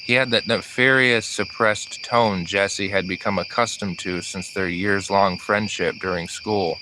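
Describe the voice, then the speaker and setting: A man with a very deep voice narrates an audiobook, reading at a steady, even pace. Crickets and insects chirp clearly behind him, as if he were recording outdoors. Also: measured pace, noisy background.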